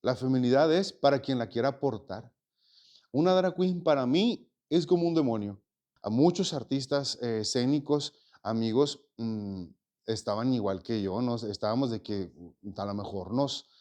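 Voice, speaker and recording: A man's voice: medium pitch, normal speed, a little mellow. Reflective Mexican man in his forties. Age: 40s. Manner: reflective, with many fillers and repeated words. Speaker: interview guest, actor and stage producer. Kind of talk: casual interview conversation.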